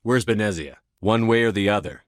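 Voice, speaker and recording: Game lead: hardened male military commander acted by a man, lowish voice, clipped firm delivery, close dry sound. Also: a little fast, dry recording, close to an everyday voice. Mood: forceful, resolute. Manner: terse, firm, authoritative. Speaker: video game lead voice actor. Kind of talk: scripted game dialogue.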